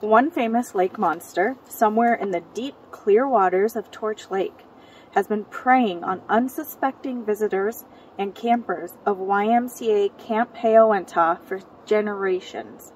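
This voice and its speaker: A woman from Michigan, recorded outdoors on a cold night, reading local legends aloud in a steady storytelling way. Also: mid-range voice, unhurried, a little hiss or hum. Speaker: co-host of a ghost story show. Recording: distant mic outdoors.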